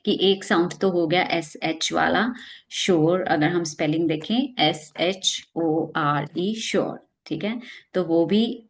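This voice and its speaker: A woman teaching English pronunciation in a casual spoken lesson, explaining patiently and repeating practice words slowly. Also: on the low side.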